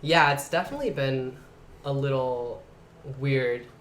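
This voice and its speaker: A young man from the Bay Area, a guest in a casual interview chat, talking reflectively and trailing off quietly at the ends of his thoughts. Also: medium pitch, unhurried, echoey room, a little hiss or hum. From San Francisco Bay Area. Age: young adult.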